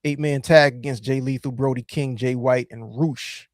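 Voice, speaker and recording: A man's voice: mid-range voice, steady tone, normal speed, dry recording, clean studio sound. A man hosting a wrestling podcast, chatting casually and rambling with lots of fillers. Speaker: podcast host. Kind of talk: casual chat.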